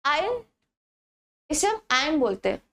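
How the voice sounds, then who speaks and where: High-voiced woman teaching grammar. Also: animated, normal speed. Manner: explains patiently, asks the class questions and answers them herself. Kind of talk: grammar lesson for exam students.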